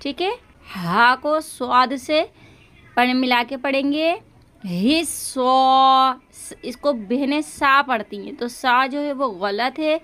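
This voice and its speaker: A woman's voice: sits high, bright, forceful tone. A woman giving a step-by-step religious lesson, speaking patiently and stretching words out to show how they should be pronounced. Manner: slow and patient, drawing out words to demonstrate pronunciation. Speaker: religious teacher.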